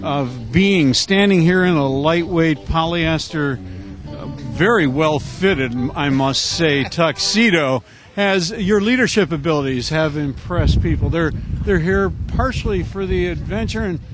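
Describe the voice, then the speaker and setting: A man's voice: on the high side, a little slow, music in the background. A man interviewing and commentating at an outdoor event, speaking in effusive, wordy, formal phrases. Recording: noisy outdoor recording with crowd. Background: crowd and outdoor noise.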